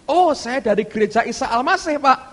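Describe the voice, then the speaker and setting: Man putting on a high, insistent con man voice, hot-tempered, husky tone, echoey hall. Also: animated, fairly quick, a bit bright, exaggerated voice. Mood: insisting. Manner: insistent, higher-pitched quoted voice. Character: lying middle-aged male con man, stubborn and quick-tempered.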